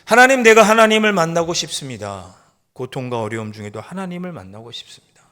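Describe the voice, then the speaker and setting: A man, a pastor, preaching a sermon that moves from calm explanation to loud, rising rebukes. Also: fairly high pitch, fast talker, smooth. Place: church sanctuary. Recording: long church hall reverb.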